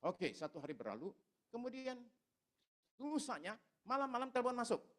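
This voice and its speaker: A man's voice: very high voice, a little fast. Male pastor for a storytelling sermon, voice rising and falling a lot as he talks straight to the congregation. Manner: animated, addresses the congregation directly.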